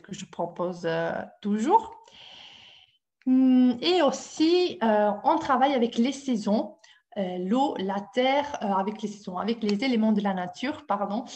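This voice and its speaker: A woman's voice: mid-range voice, darkish tone. A woman with an Italian accent leading a webinar as a dance-movement therapist, talking to her audience with many hesitations and questions. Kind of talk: live webinar talk.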